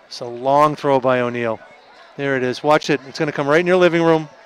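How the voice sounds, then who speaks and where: A man giving color commentary at a local high school football game, talking through the blocking in a chatty way and correcting himself. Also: brisk. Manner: chatty analysis with self-corrections and light laughs. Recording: outdoor stadium with crowd and noise. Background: crowd and field noise.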